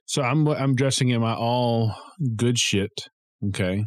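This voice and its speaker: A man's voice: medium pitch, unhurried, smooth, no echo. A man playing a tabletop game, talking loosely and casually, swearing and joking as he describes what his character does. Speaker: player.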